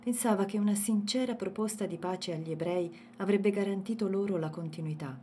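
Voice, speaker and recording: A woman narrating an audiobook in a measured, expressive reading. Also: medium pitch, slight background noise.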